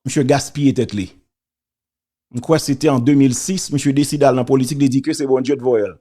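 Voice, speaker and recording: A man's voice: mid-range voice, quick pace, mellow. A man with a Haitian accent giving casual spoken commentary on church and politics, preachy and emphatic, repeating key phrases.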